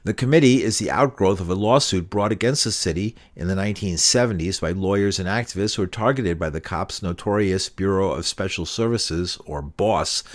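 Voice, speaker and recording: A man reading a news introduction, then asking an interview guest questions with short affirmations. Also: low voice. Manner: steady reporter's read, brief affirmations. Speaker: interviewer and narrator.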